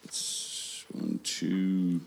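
A man's voice: sits low, flat delivery, drawn-out words, vocal fry, darkish tone. Folksy middle-aged man teaching parents. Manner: folksy, quotes scripture, checks in with the audience. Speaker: parenting seminar speaker.

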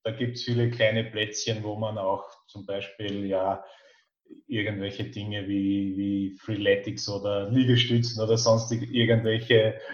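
A man in his fifties with an Austrian accent talks casually and thoughtfully as a podcast interview guest. His voice is lowish with little pitch movement and a measured pace, and the recording has a dull, echoey remote-call sound.

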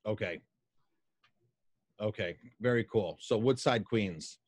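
A man's voice: fairly low pitch, takes it slowly, slightly rough, dry recording, clean studio sound. A middle-aged American man hosting a casual interview in a wordy, effusive conversational way. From Colorado, United States. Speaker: interview host.

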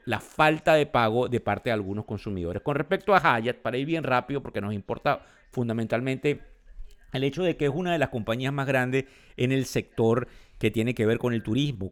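A man from Venezuela hosting a financial market show, explaining the news to his listeners and defining the terms as he goes. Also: mid-range voice.

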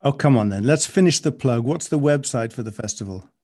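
A man's voice: mid-range voice, a little fast, warm tone. A man interviewing a guest, responding with enthusiastic, effusive praise. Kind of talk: podcast interview.

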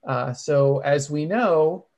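A man's voice: a little high, slow pace, darkish tone. A man moderating an online medical case discussion, explaining points in a teaching tone and putting questions to the other panelists.

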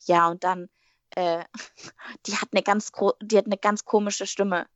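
Woman, casual interview chat, animated anecdotes, tag questions, dry voice. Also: medium pitch, measured pace, no echo, highs cut off. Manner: animated storytelling, acting out her own quotes. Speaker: actress on a TV series.

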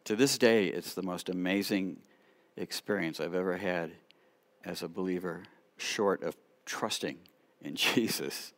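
A middle-aged man, a rabbi, telling stories to a congregation with animated delivery and quiet asides. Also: low-pitched, unhurried. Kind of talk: storytelling talk to a congregation.

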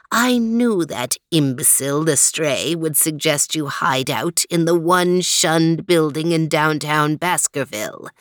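Storybook villain: purring evil tomcat mastermind, deep and drawn out, read by a woman. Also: fairly bright tone, no room sound, studio quality. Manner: purring, gloating, slow and menacing. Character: sly evil male cat criminal mastermind.

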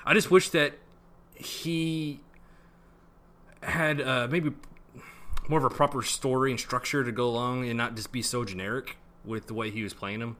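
Laid-back man with a bright tone. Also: mid-range voice, fairly even intonation, moderate pace, long pauses. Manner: laid-back, hesitant, many ums. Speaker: podcast co-host. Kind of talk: casual chat.

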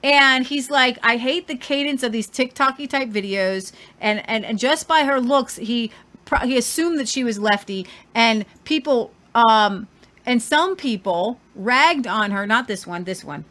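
A woman's voice: on the high side, expressive, measured pace, fairly bright tone. A woman hosting a podcast, giving casual commentary on viral videos. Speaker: podcast host.

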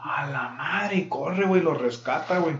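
A podcast co-host with a Mexican Spanish accent casually tells crude, slang-heavy jokes, breaking into bursts of loud laughter. His voice is on the high side at normal speed. The sound is roomy, dull and lo-fi, with a little hiss or hum.

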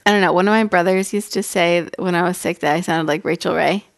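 A woman's voice: on the low side, steady tone, quick pace, no echo. A young woman co-hosting a podcast in casual chat, talking loosely with many fillers and laughing often. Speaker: podcast co-host.

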